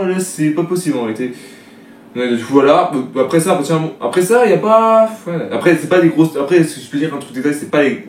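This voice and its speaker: Fast-rambling young man, echoey room. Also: mid-range voice. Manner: rambling, heavy filler words, restarts. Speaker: football video debrief host. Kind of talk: casual rambling match debrief. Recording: echoey room, distant mic, faint noise.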